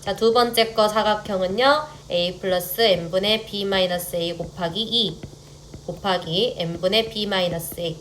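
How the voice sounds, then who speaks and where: A woman's voice: medium pitch, slow, a bit bright. Young woman math tutor, patient and explanatory, often asks students to confirm, faint hiss behind her. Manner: checks in with students, mixes polite and casual speech. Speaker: math teacher. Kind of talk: online math lecture.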